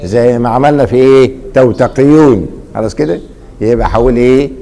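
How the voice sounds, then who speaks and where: A middle-aged man with an Egyptian accent teaching a classroom grammar lesson, repeatedly pausing mid-sentence so students fill in the missing word. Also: medium pitch, vocal fry, dark tone. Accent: Egyptian Arabic. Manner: quizzing, leaves blanks for students to fill.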